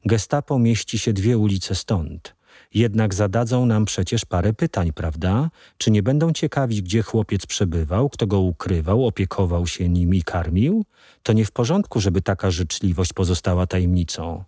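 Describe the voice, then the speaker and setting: A man playing an icy, calm older grandmother. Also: deep voice, measured pace, dry recording, studio quality. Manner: calm, patient and menacing.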